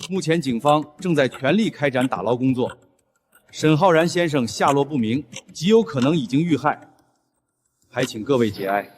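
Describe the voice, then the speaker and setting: An actor playing a calm, formal male police officer delivering bad news. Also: medium pitch, in a large hall, a little hiss or hum, lightly acted. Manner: formal, measured.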